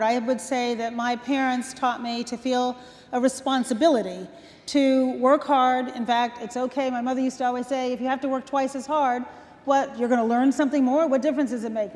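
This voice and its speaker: High-voiced woman telling stories in a hall. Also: fairly even intonation, moderate pace. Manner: warm storytelling, laughs between points. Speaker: guest speaker. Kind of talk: onstage conversation. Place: large event hall. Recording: long hall reverb.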